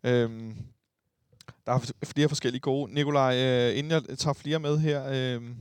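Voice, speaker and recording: A man's voice: medium pitch, fairly even intonation, clean tone, no echo, clean studio sound. A Danish man hosting a podcast, hesitant with many fillers, reading out listener messages. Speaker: podcast host.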